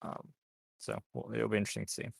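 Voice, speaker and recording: A man co-hosting a casual discussion, talking in a halting, thinking-aloud way with many fillers. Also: on the low side, monotone, creaky, breathy edge, no echo. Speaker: co-host.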